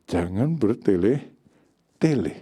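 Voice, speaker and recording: A male pastor, preaching a lively sermon that swings from high, pleading mimicry down to low, quiet emphasis. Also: slow, breathy edge, dry recording, clean studio sound.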